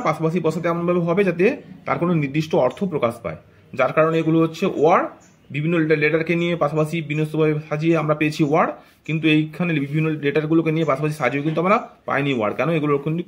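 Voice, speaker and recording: A man's voice: fairly high pitch, very fast. A man teaching English grammar to learners in Bengali, explaining step by step and checking often that they follow. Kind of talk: classroom grammar lesson.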